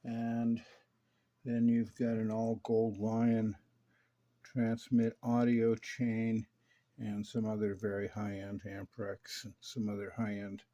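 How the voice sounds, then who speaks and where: A radio repair technician presents his restoration work, methodically narrating a hands-on demonstration for a customer step by step. His voice is on the low side, monotone, slow and mellow, with a lo-fi sound.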